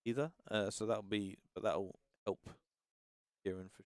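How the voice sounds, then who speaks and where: A man with a smooth, clear voice hosts a tabletop gaming livestream in a dry-sounding space. He comments casually and haltingly, thinking out loud as he goes. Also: fairly low pitch, steady tone, no echo.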